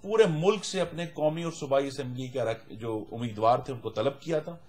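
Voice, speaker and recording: A man speaking for a political party on a talk show, arguing his case in a measured way. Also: mid-range voice, a little mellow. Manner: measured, argumentative. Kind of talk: political debate.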